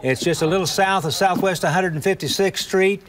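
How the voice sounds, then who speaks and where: A man's voice: high-pitched, steady tone, normal speed. A man anchoring live emergency weather coverage, giving directions and repeating phrases as he thinks aloud. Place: TV studio.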